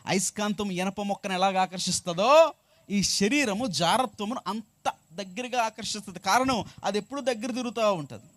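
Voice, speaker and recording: High-voiced preacher with a dry close sound. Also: male voice, dry recording. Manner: call-and-response preaching, asks the congregation to repeat; swings from hushed to loud and emphatic. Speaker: pastor. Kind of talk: sermon.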